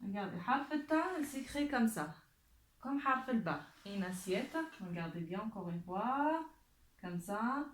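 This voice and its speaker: Slow, patient woman teaching letters. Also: medium pitch, expressive. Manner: slow, drawn-out modeling of words. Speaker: Arabic teacher. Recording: echoey room.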